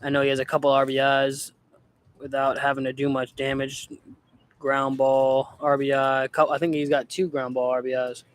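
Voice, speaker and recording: A young man calling amateur baseball play-by-play in a relaxed, chatty way, often correcting himself. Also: medium pitch, normal speed. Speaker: play-by-play announcer.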